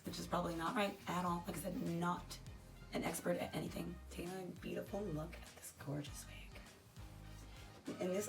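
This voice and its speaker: A woman's voice: on the low side, gravelly. A woman with a crackly, dry voice, chatting casually and rambling as she unboxes products for her vlog. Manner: chatty, rambling, self-deprecating. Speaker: unboxing vlogger. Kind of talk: casual unboxing chat to camera.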